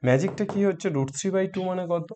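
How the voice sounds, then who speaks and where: A man with a sore throat teaching a math lesson softly, coaxing students with questions as he works problems. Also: high voice, a little fast, slight background noise. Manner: coaxing, asks students questions, mixes English math terms.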